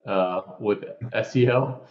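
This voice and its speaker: A man from New York co-hosting a podcast, explaining ideas through lively stories and examples. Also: fairly low pitch, takes it slowly. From New York, USA. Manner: animated storyteller, explains with examples. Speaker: podcast co-host. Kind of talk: casual podcast chat. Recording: roomy, slightly dull sound.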